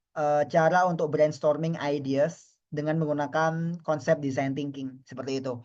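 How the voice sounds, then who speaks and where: A man's voice: a little high, lo-fi sound. A man from Indonesia, a university lecturer, giving a friendly, chatty online webinar lecture and often addressing the audience as friends.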